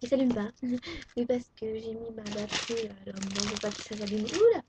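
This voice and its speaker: A woman's voice: fairly high pitch, little pitch movement, a little fast, noisy background. A teenage girl from France chatting casually and hesitantly at home, showing off her crafts to a webcam. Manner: chatty and hesitant, many fillers. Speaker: craft vlogger. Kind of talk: casual show-and-tell. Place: at home, indoors. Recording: dull lo-fi webcam audio. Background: faint vacuum cleaner.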